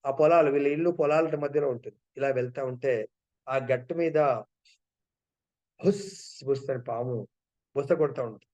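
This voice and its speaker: A man telling a story in a devotional lecture, in an animated way. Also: medium pitch, brisk. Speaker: devotional speaker.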